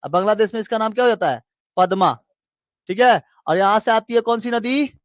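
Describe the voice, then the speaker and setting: A man's voice: sits high, brisk, no room sound. A man teaching a geography lesson, running through lists in a sing-song chant and asking checking questions. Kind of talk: classroom lesson with drilling repetition.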